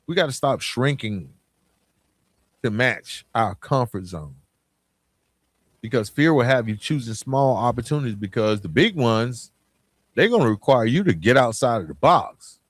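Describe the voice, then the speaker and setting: Animated and measured, with long pauses, this podcast host speaks at medium pitch. He's a middle-aged American man delivering a solo motivational talk, talking straight to listeners in colloquial language full of rhetorical questions and emphatic repetition. No echo is present.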